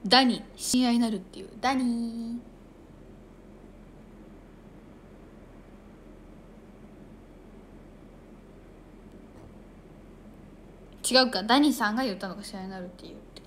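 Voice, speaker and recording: A woman's voice: a little high, very slow, pauses often, slight background noise. A young woman chatting casually on a livestream, reading viewer comments aloud. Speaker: idol livestreamer.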